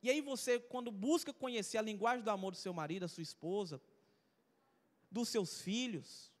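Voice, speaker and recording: Man, Brazilian accent, pastor, humorous chatty sermon, very high voice, long church-hall echo. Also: normal speed. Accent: Brazilian Portuguese. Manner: humorous, chatty, asks the congregation questions. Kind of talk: conversational sermon with personal stories.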